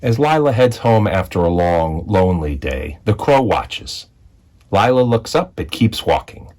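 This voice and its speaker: A school executive acts as a storyteller, reading a children's picture book aloud with expressive narration and deliberately dramatic phrasing. His voice is low-pitched.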